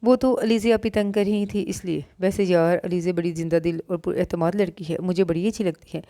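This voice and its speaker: A woman's voice: on the low side, fairly even intonation, brisk, dark tone, close to an everyday voice. Tense young wife, read by a woman. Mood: curt. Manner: curt, then pleading and panicked. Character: frightened, bitter young wife.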